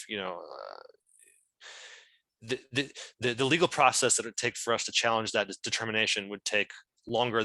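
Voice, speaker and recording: A man on a whistleblower's legal team joins an online meeting as a guest speaker, explaining things thoughtfully and often searching for words. His voice is lowish, creaky and sharp in tone, with no echo, though the recording is low quality.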